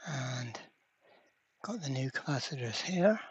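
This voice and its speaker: An electronics repairer presents a hands-on fix at an indoor workbench, narrating casually, muttering to himself and swearing mildly. The voice is medium-pitched and unhurried with lively intonation. The audio sounds dull, with slight background noise.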